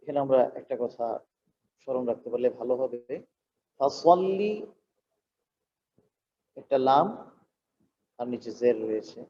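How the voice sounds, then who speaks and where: A man's voice: mid-range voice, fairly even intonation, a little fast, long pauses, mellow. A man, an imam, teaching Quran recitation. He explains patiently and chants the verses long and drawn out. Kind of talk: slow Quran recitation lesson. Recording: dull lo-fi recording with faint noise.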